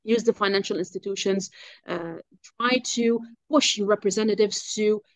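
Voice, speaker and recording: A woman from Lebanon speaking as a guest journalist in an interview, passionate and halting, with many fillers and restarts. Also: mid-range voice, steady tone, no echo. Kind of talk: interview on a call.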